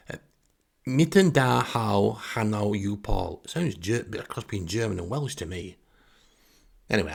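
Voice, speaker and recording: Hosting a podcast, a middle-aged native English speaker from Lancashire in northern England grumbles through a wry, self-deprecating comic monologue in the first person. His low-pitched voice is husky with vocal fry.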